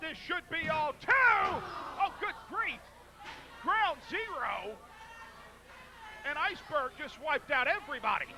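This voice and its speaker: A man calling wrestling play-by-play in excited, dramatic, emphatic bursts of clipped calls. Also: very high-pitched, measured pace, gravelly. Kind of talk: excited sports commentary. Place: wrestling arena at ringside. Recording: loud crowd and music, noisy arena broadcast.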